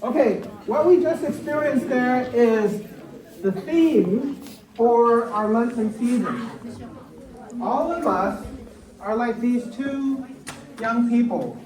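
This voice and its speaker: A man, a priest, teaching children in a Lenten lesson, slow and halting with many fillers and restarts. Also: very high-pitched, darkish tone. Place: church hall with children. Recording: roomy hall, crowd behind, far off.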